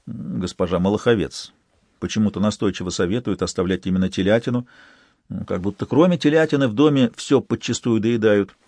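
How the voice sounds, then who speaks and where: A man narrating an audiobook in a lively, expressive storytelling manner. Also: on the low side, fairly quick, dry recording. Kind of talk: scripted narration.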